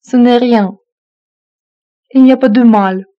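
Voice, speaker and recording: A woman slowly reading French phrasebook lines, saying each one twice in an even manner. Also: on the high side, lo-fi sound. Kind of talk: slow repeated phrasebook reading.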